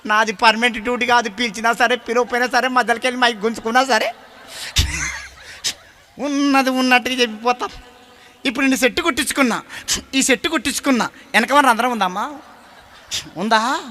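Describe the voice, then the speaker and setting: A male preacher speaking with a Telangana Telugu accent delivers a folksy sermon full of animated, blunt storytelling. His voice is strikingly high and piercingly bright. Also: fairly quick, pauses often.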